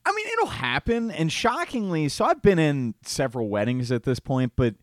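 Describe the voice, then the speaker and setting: Laughing young radio co-host. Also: male voice, a little high, sing-song, moderate pace, no room sound, clean studio sound. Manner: laughing, short reactions and side comments. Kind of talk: casual chat. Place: radio studio.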